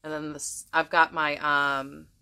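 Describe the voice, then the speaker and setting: Woman, casual crafting chat, bright forward tone, a little hoarse, rambling with ums. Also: sits low, flat delivery, measured pace. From United States. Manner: rambling, many ums and restarts. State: losing her voice. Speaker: crafting vlogger.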